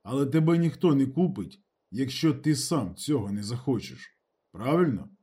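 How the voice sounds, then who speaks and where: A man voicing a calm, injured man who talks slowly and deliberately. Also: mid-range voice, slightly rough. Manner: slow and deliberate. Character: calm injured man, threatening when pushed.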